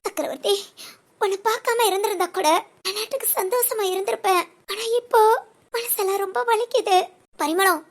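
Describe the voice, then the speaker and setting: Woman reading older ashram woman, heartbroken, reproachful; high-pitched. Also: fairly bright tone. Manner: tearful, aching, reproachful. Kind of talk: audio story monologue.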